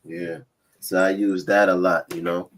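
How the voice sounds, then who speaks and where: A man's voice: sits low, flat delivery, a little slow, noisy background. A man, rambling through casual slangy chat and often checking in with the listener. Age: late 30s.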